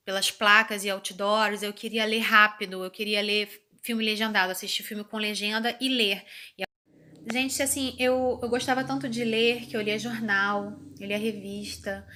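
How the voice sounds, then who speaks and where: Chatty bright-voiced woman telling a story. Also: mid-range voice. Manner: chatty, constantly addressing viewers with tag questions. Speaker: vlogger. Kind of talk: casual personal storytelling to viewers.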